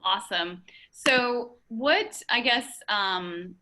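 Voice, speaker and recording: A young woman hosts an interview over a video call, speaking extremely slowly in a medium-pitched, sharp, animated voice. She's chatty and upbeat and uses lots of fillers.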